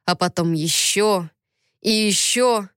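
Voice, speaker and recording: Clear-voiced woman narrating a story. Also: mid-range voice, takes it slowly, fairly bright tone, no echo, studio quality. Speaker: audiobook narrator. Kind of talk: scripted narration.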